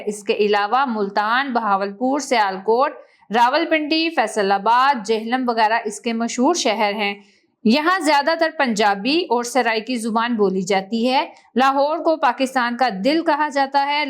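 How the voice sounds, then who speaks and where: A woman teacher, reading a school textbook lesson aloud slowly and clearly to children. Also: on the high side. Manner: slow, clear classroom reading, stressing each word in lists.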